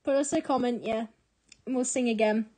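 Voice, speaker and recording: A woman's voice: a little high, brisk, mellow. A young British woman with a British accent chatting casually on a live stream, giggling often and trailing off on long filler words. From Britain.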